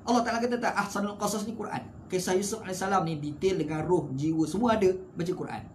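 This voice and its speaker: Give me a fairly high-voiced man with a Malaysian accent, teaching scripture in a lively, conversational way. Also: quick pace, slight background noise. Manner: conversational, with rhetorical tag questions; animated swings in pitch and loudness. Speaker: religious teacher. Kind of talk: Quran commentary lecture.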